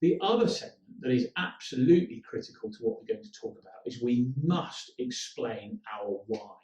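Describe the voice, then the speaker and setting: A man's voice: mid-range voice, animated, normal speed, a little mellow, recorded from a distance. Man giving a leadership talk. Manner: direct, instructive, with acted-out quotes. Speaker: leadership trainer. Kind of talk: presenting a training talk. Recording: echoey room, mic some way off.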